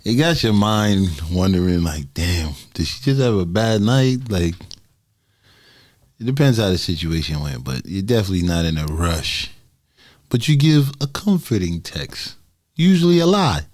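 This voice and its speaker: Low voiced guy cohosting a podcast, super animated, dry close sound. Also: moderate pace, dry recording. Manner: animated, laughing, breaks into high sung bits. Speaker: podcast co-host. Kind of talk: casual podcast banter.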